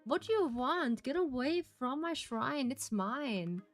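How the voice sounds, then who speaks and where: Give a woman acting out a possessive, petulant video game ghost. It has a high, whiny, indignant voice and non-native English, with faint music underneath. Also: expressive, takes it slowly. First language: not English. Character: petulant, possessive ghost guarding a ruined shrine. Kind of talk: reading game dialogue aloud in character.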